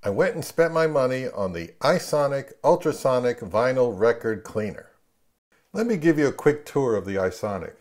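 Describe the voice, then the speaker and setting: Animated and darkish in tone, a medium-pitched man in his fifties talks at a moderate pace. He's a channel host and record collector giving casual, offhand commentary for a home product review vlog from his living room and kitchen.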